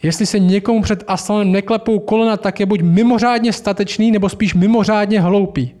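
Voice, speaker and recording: A man's voice: high voice, fairly even intonation, mellow, pitched above the performer's own voice, close to an everyday voice. A wise, motherly she-beaver from a storybook, read by a man in his own voice. She speaks dry and matter-of-fact.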